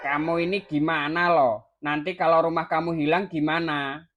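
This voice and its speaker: A woman's voice: sits low, fairly even intonation, moderate pace, lo-fi sound. A woman voicing a weary, disappointed father from the village who scolds his lying son, over music. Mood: exasperated. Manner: scolding, exasperated. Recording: clear music bed behind voice.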